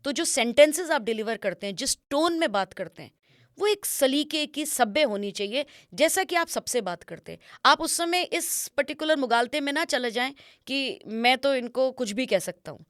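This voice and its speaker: A woman with a fairly high voice explains etiquette as an interview guest, instructive and patient. She slips English phrases into her speech. The sound is dry and close. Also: animated, moderate pace, dry recording. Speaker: image consultant guest.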